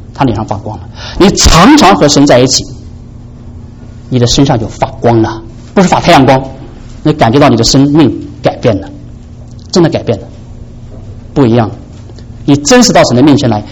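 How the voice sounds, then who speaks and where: A man preaching a sermon to his congregation, asking rhetorical questions and swinging from soft low asides up to high, emphatic peaks. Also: husky, poor audio. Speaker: pastor.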